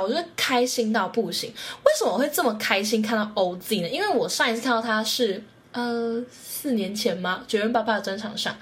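A young woman hosting her own podcast, telling a story in a casual, animated way, her voice jumping high when she quotes her own excitement. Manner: animated, jumps to high squeals when quoting herself. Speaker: podcast host.

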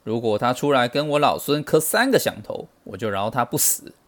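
A man's voice: medium pitch, animated, a little fast, fairly bright tone, lightly acted. A man voicing a cocky, heroic male Monkey King who talks in a boastful, teasing way for a children's storybook. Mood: commanding.

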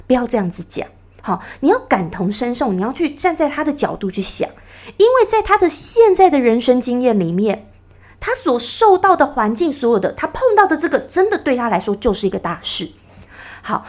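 A woman's voice: on the high side, a little mellow. A woman hosting her own podcast, talking in an earnest, advising way and acting out little scenes as she retells them. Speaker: podcast host. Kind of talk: casual reflective monologue.

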